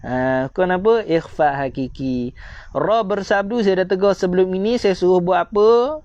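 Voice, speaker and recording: Malaysian man teaching slow recitation. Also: high-pitched, darkish tone, no room sound, muffled recording. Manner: corrective, repeats points with slow drawn-out recitation examples. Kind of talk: online recitation lesson.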